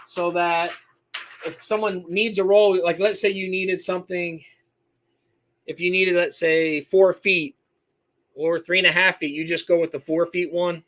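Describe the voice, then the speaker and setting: Casual live-stream host from Michigan, high, bright voice, rambling answers. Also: male voice, flat delivery, unhurried. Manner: rambling, self-correcting, reads chat names aloud. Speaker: host answering viewer questions.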